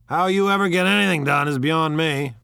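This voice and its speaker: A man reading a novel aloud, voicing a brash, domineering wealthy husband with loud, blunt emphasis. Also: on the high side, lively intonation, fast talker, no room sound, voice pushed up. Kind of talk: audiobook character voice.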